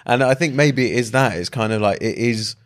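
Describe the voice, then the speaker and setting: A man's voice: mid-range voice, fairly quick. A man hosting a podcast, chatting casually and agreeably, with plenty of filler words. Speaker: podcast host. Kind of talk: casual conversational interview.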